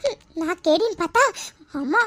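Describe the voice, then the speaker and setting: A woman's voice: extremely high pitch, lively intonation, moderate pace, fairly bright tone. A woman voicing a scheming young woman in a cartoon, frantic and self-pitying. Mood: dismayed. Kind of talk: cartoon voice acting.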